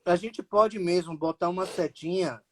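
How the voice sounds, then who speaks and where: A man's voice: high-pitched, moderate pace, darkish tone. A man adding to a talk, building his point in linked steps. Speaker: co-presenter. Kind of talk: explanatory talk.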